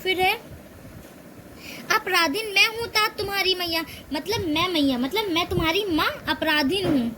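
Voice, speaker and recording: A woman's voice: very high voice, fairly bright tone, slight background noise. A woman teaching Hindi, patiently explaining lines of poetry one by one, often repeating and correcting herself as she goes.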